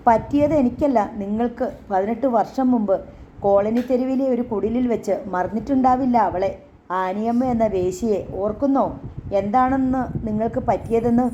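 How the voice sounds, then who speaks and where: A woman's voice: fairly high pitch, normal speed, mellow, a little hiss or hum, lightly acted. Woman narrator as hurt, accusing middle-aged wife; raised, urgent lines, slightly muffled recording. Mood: agitated, accusing.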